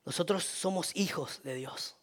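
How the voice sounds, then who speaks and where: A man's voice: a little high, a little slow, a bit bright. A man preaching a sermon, repeating himself, restarting often and calling for amens. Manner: repetitive, many restarts, calls for amen.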